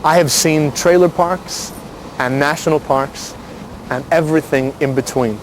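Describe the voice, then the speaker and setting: An American circus ringmaster vlogs his life on tour, talking casually to camera like a showman and stretching out his emphatic adjectives. His voice is a little high and his pace measured, on a low-quality recording with faint outdoor and vehicle noise.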